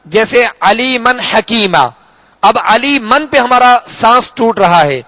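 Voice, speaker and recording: A high-pitched male teacher with a Pakistani Urdu accent explains reading rules patiently, repeating himself and stretching out example words. The recording is close and dry, with no room sound. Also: fairly bright tone, no room sound. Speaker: Quran recitation teacher. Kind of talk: slow explanatory lesson.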